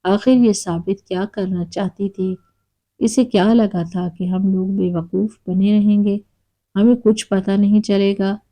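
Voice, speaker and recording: A woman's voice: mid-range voice, fairly even intonation, lo-fi sound, lightly acted. A woman voicing a stern, angry middle-aged uncle in a spoken story, with a harsh, accusing manner.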